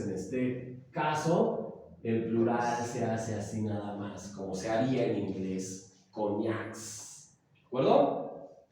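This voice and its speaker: Man, mexican accent, teacher lecturing a class, mellow tone, roomy echo from far off. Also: medium pitch. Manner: explains slowly, checks in with the class often.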